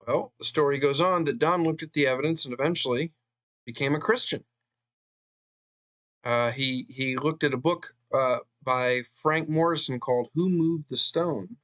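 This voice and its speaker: A man reading a book chapter aloud and adding his own commentary, earnest, with fillers and pauses between passages. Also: medium pitch, a bit bright. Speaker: channel host reading a book.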